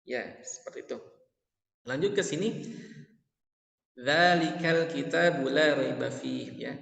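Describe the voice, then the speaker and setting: A man teaching tajwid in a patient lesson, repeating each point and chanting the verses slowly. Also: fairly high pitch, creaky, a bit bright. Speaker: Quran recitation teacher. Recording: echoey room with long reverb.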